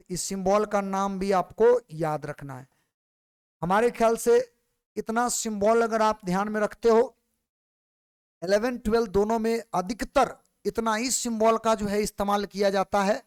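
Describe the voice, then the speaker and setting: A man's voice: high-pitched, clear, resonant tone. A male physics teacher, lecturing patiently and repeating questions back to his students. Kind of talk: classroom lecture.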